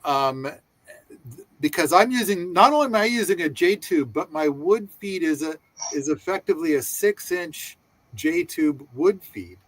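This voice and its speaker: A man hosting a casual discussion, speaking slowly and eagerly with plenty of restarts and asides. His voice sits a little high, and the sound is close and dry. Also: lively intonation, a bit bright, dry recording. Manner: enthusiastic, rambling with many restarts. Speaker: host.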